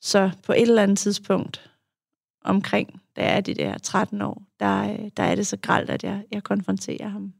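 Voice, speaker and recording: A young woman speaks frankly about her past and her work, pausing for thought with fillers. Her voice is heavily gravelly with vocal fry. The sound is close and dry, with no room echo. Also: mid-range voice, big pitch swings. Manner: frank, reflective, with frequent fillers. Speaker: guest, adult child of an alcoholic; youth therapist. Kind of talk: candid conversational storytelling.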